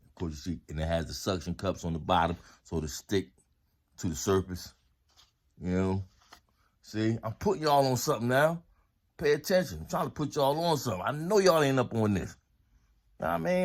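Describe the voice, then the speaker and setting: A man casually showing off home products in a haul video, talking to his viewers in a laid-back, slangy way. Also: a little high. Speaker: vlogger reviewing home products.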